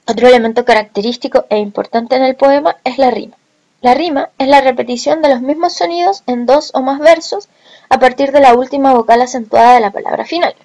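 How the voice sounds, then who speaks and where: Teacher woman, slow and deliberate. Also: sits high, darkish tone. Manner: slow, deliberate, stretching example words. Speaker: language teacher. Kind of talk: recorded lesson explanation.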